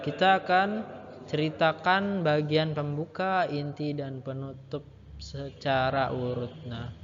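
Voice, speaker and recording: A man teaching a lesson, explaining step by step with patient repetition and a habit of ending phrases with a soft "ya". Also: on the high side, fairly even intonation, slow, a little hiss or hum. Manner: explains patiently, repeats key points, ends phrases with "ya". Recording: muffled, roomy with long reverb and crowd behind.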